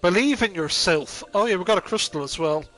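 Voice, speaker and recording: A man's voice: high voice, animated, a little fast, a bit bright, soft background music, poor audio. Irish man casually commentating a game. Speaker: gaming video host. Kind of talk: casual let's play commentary.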